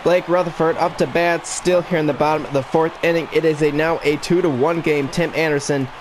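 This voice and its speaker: A man's voice: on the high side, brisk, background noise. A man calling a baseball video game in broadcaster-style play-by-play while he has the hiccups, recorded in a room at home. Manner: broadcaster-style play-by-play delivery, rising excitement on big plays. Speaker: gaming YouTuber.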